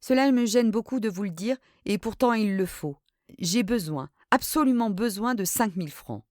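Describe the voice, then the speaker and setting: A woman reading aloud and voicing a frightened young noblewoman who pleads in a high, trembling voice. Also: lively intonation, moderate pace, darkish tone, no room sound, studio quality, close to an everyday voice. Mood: hesitant.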